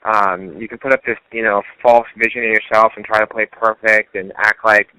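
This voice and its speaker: A man's voice: fairly low pitch, flat delivery, fairly quick, bright, forceful tone, clean tone, dry recording, poor audio. A man being interviewed as a fighter, earnest, filling his talk with "you know" and restarts. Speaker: fighter guest. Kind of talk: casual interview.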